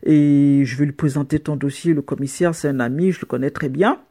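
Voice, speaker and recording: A middle-aged woman giving a casual spoken account, animated, with frequent restarts, slipping into other people's voices with sudden pitch jumps. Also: fairly quick. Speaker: storyteller recounting a personal experience.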